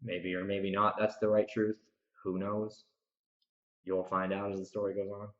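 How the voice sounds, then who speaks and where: A podcast host and author gives reflective solo recap commentary, partly ranting, stressing his points emphatically and repeating phrases. His voice is low-pitched and level, at a normal speed. The audio is muffled, with an echoey room.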